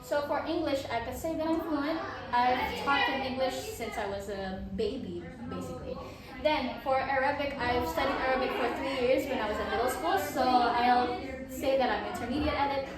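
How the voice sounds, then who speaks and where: Speaking at normal speed in a high voice, an Indonesian teenager casually introduces her student portfolio. She's cheerful and talkative, often restarting and using fillers. The recording is distant, in a very echoey room, with a crowd in the background.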